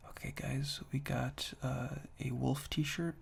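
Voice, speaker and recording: Taking it slowly, a man whispers softly and closely, reading reviews with dry, deadpan, tongue-in-cheek remarks in binaural ASMR style. His hushed, breathy whisper is mixed with a soft, low murmur, picked up by a binaural mic very close to the ears, with faint noise.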